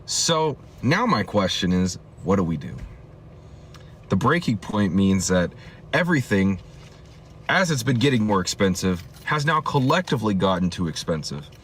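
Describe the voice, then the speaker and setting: A man with a fairly low voice talks earnestly to camera in a clip, asking searching rhetorical questions. A faint hiss sits behind him. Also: sing-song, normal speed, fairly bright tone.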